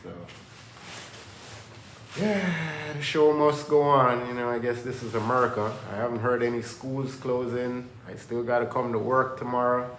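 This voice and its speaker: This vlogger, a man from Jamaica, has a medium-pitched, steady, fairly bright voice and talks at normal speed. Filming in a workplace under renovation, he rambles casually to camera in a preachy, self-motivating way, with slight background noise and faint ambience in an echoey room.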